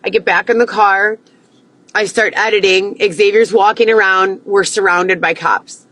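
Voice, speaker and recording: A woman livestreaming a profane, agitated monologue that at times rises close to yelling. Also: medium pitch, fairly even intonation, unhurried. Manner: agitated, swearing, rising to near yelling.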